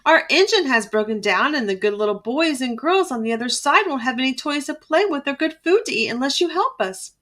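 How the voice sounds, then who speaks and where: Tiny toys pleading for help, done by a woman reader: polite, earnest, high voice. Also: expressive, a little fast, few pauses, a bit bright. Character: pleading little dolls and toys.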